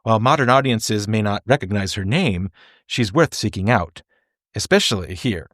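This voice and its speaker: A man narrating a scripted film review in a polished, articulate way, with measured phrasing. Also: lowish voice, lively intonation, a bit bright, dry recording, clean studio sound. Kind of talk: scripted video-essay narration.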